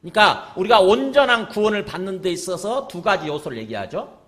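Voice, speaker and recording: A man's voice: high-pitched, expressive, fairly quick, a bit bright. A male pastor preaching a sermon in a conversational way, often asking the congregation rhetorical questions. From South Korea.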